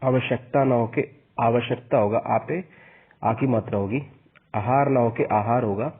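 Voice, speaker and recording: A man teaching a spelling lesson for an exam, slowly spelling out each vowel sign and repeating the corrections. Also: medium pitch, fairly even intonation, husky. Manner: slow and repetitive, spelling out vowel signs. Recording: tinny phone-like sound.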